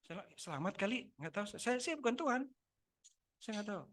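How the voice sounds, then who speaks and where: A male pastor preaching a Sunday sermon, talking lively with many rhetorical questions and acted-out prayers and dialogues. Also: high voice, fairly quick. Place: church sanctuary.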